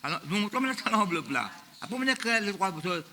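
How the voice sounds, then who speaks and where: A man's voice: sits high, sing-song, fast, bright, forceful tone, slight background noise. A man, preaching a sermon as pastor of a church, in a loose, repetitive style that mixes French and Creole. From Mauritius.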